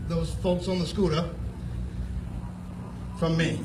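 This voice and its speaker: A man with a fairly high voice spins a folksy, humorous yarn in the manner of a moose-calling contestant. He is recorded from a distance outdoors at a fair, with echo and clear background noise. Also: level tone, takes it slowly. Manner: folksy, second-person yarn-spinning. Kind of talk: humorous storytelling with moose call demonstrations.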